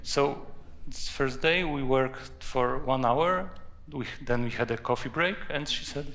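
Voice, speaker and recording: A Polish man with a Polish accent and a creaky voice, an author telling personal anecdotes in a halting, deliberate way. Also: mid-range voice, fairly bright tone. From Poland. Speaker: author, guest. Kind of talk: anecdotal storytelling at a live talk.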